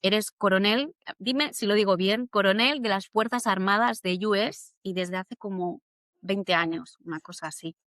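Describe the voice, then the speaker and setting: A woman from hosting a podcast interview, chatty and animated as she tells stories. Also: mid-range voice, moderate pace, dry recording, studio quality. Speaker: podcast host. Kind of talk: casual interview.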